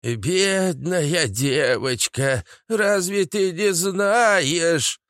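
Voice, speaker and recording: A man voicing a fussy, stubborn old grandmother in an audiobook, with a drawn-out pleading lilt. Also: sits high, a bit bright, no echo, clean studio sound, exaggerated voice.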